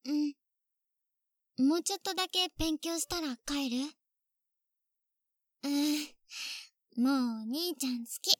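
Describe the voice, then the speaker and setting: A woman's voice: high voice, slow, pauses often, no echo, clean studio sound. A woman voicing a clingy, possessive younger sister on a phone call, sweet at first and coldly jealous underneath. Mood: sweet doting. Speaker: voice actress in phone-call role-play. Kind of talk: phone-call role-play drama.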